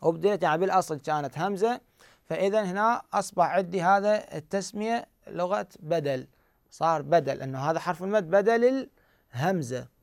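Iraqi male teacher, somewhat high and smooth voice, dry close sound, poses questions then answers them, repeats key words slowly. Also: no room sound. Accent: Iraqi Arabic. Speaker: Quran recitation teacher. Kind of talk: explanatory grammar lesson.

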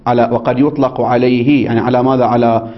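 A man's voice: medium pitch, flat delivery, fast. A man teaching religious law in a seminary lecture, reading a text aloud and explaining it. He keeps quizzing his listeners with prompting questions and checking that they follow. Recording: dull lo-fi recording.

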